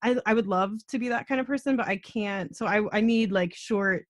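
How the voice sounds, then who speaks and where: A woman hosts a podcast interview with a guest, speaking in a casual, effusive, informal way and often saying "like" and "super." Her medium-pitched voice moves a little fast, and the studio-quality audio has no echo.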